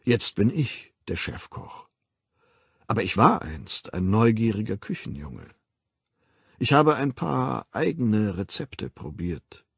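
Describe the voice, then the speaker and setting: A man voicing a calm, worldly male ruler who lectures in a measured, ironic way, in an audiobook. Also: lowish voice, gravelly, slightly rough, no echo, clean studio sound, exaggerated voice. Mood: calm superior.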